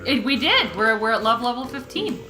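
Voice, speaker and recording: A woman's voice: a little high, big pitch swings, a little fast, reverberant. A woman co-hosting a let's play, giving casual gameplay commentary. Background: game music.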